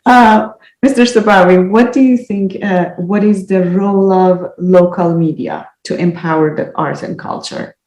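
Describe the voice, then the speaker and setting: An interviewer speaking conversationally in a hesitant, halting way. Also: medium pitch, a little mellow. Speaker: interviewer, host. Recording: roomy, echoing sound.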